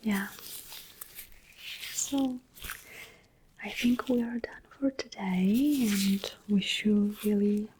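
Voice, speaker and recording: A woman with a medium-pitched voice performs an ASMR medical roleplay as various specialists, speaking softly and breathily close to the mic and often dropping to a whisper. She's gentle, reassuring, and unhurried, softly checking in with "okay" while giving close personal attention, with faint background noise.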